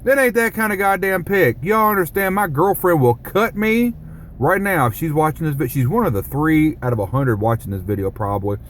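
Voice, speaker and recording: A man's voice: on the high side, animated, brisk, fairly bright tone, slight background noise. A man who rambles, jokes and swears through a casual vlog monologue. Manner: rambling, joking, profane. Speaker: vlogger.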